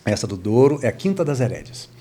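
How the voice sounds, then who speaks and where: Chatty talk show host. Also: male voice, mid-range voice, very animated, quick pace, mellow, husky. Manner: chatty, enthusiastic, rambling with many "né?" tags.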